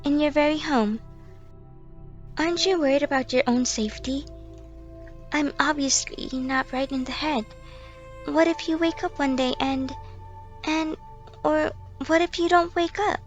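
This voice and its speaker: A woman's voice: sits high, measured pace, pauses often, muffled recording, soft background music. A woman playing a timid, self-loathing young female stalker in an ASMR role-play, sweet and eerily obsessive, rambling with nervous apologies. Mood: flustered disbelief.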